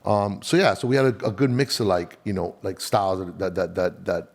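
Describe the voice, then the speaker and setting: A man's voice: low-pitched, steady tone, a little fast, vocal fry, husky. A middle-aged man, born in Chile and raised in Miami, chatting casually as a guest in a slangy, laid-back way. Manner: laid-back slangy talk, calls host dog and bro. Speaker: guest, audio engineer. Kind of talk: casual podcast chat.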